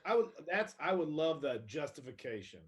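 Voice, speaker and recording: A man's voice: on the high side, big pitch swings, moderate pace. A man co-hosting a comedy podcast, rambling with stammered restarts and heavy sarcasm. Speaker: podcast co-host. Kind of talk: casual comedy chat.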